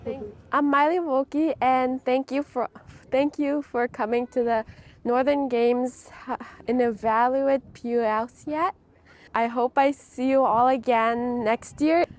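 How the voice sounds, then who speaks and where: A woman's voice: sits high, steady tone, measured pace. A woman giving a short, simple thank-you address.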